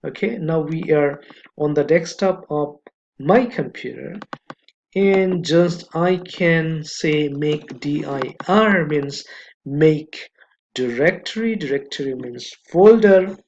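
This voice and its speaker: A man teaching a beginner coding lesson over a screen recording, speaking slowly and deliberately and checking in with "okay" again and again. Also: fairly high pitch, vocal fry, a little mellow, a little hiss or hum. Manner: slow, deliberate, repeats okay often. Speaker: coding instructor. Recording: slightly dull lo-fi mic.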